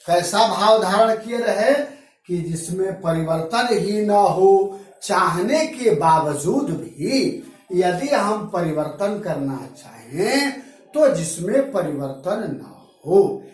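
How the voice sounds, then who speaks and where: A man teaching Sanskrit grammar in a classroom, repeating key terms slowly and asking and answering his own questions. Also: high-pitched, lively intonation. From Bihar, India. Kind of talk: classroom lecture. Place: echoey classroom. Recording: very echoey room from far off, faint music.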